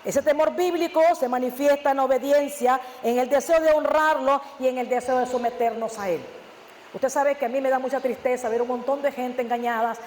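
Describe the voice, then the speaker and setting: A male pastor preaches fervently, firing rhetorical questions and sudden loud emphasis. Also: very high voice, steady tone, a little fast, slight background noise. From Nicaragua. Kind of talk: sermon. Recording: echoey church hall with long reverb.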